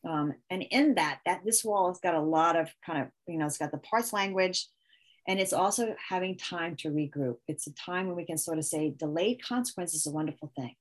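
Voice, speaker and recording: A woman with a somewhat low voice talks through parenting advice in a relaxed, conversational way. She keeps restarting her sentences and slips into short quoted one-liners addressed to a child. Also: a little fast. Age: adult parent. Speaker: parenting expert guest. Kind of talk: conversational explanation with acted example phrases.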